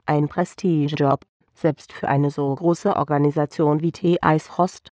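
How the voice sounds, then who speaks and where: A man's voice: on the high side, steady tone, a little slow, darkish tone, dry recording. A man narrating a whimsical science-fiction audiobook in a playful storytelling manner. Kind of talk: scripted sci-fi story narration.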